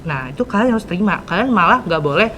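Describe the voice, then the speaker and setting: Speaking fast and expressively, a teenage podcast host with a Jakarta Indonesian accent chats casually in informal youth slang. A crowd can be heard behind her, along with rumbly background noise.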